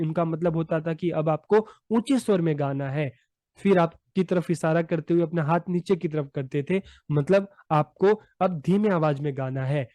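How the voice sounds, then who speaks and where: Clear-voiced male Hindi teacher, patient. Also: on the high side, a little mellow, dry recording. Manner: patient, repeats points with "theek hai". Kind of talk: explanatory lesson.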